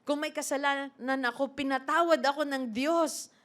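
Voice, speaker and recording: A woman's voice: very high-pitched, moderate pace, pitched above the performer's own voice. A woman preacher voicing a man just healed, exclaiming his thanks with joy. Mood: overjoyed.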